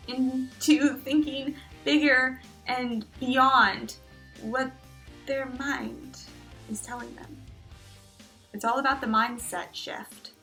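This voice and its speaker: A woman vlogger telling a personal story in a lively, breathless way, sometimes breaking into song. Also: high-pitched. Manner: breathless excited bursts, sings along. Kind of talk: storytelling voice-over.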